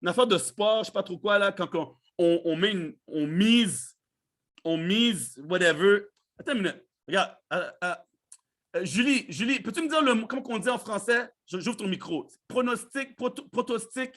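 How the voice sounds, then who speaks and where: A man's voice: high voice, moderate pace, a bit bright. A man tinged gives a casual motivational talk to a live chat, animatedly repeating himself and dropping in words. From Canada. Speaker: host of a live online business training.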